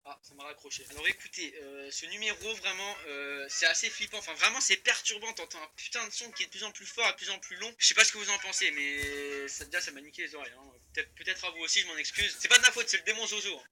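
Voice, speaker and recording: A man's voice: sits high, fast, hardly any pauses, sharp tone. A young man in his bedroom vlogging, chatty and easily spooked, swearing casually as he talks to viewers. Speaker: YouTuber. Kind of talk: casual spooky-calls vlog.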